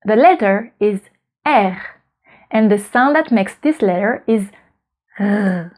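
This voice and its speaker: Upbeat teacher woman, slightly high voice. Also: expressive, darkish tone. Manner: upbeat, demonstrates sounds slowly and clearly. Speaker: French teacher. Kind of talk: pronunciation lesson to camera.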